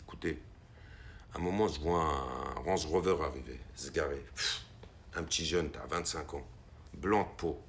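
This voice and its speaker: Gravelly man telling a wild story. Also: moderate pace, pauses often, slight background noise. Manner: animated, acts out quoted voices with big pitch jumps. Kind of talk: casual spoken anecdote.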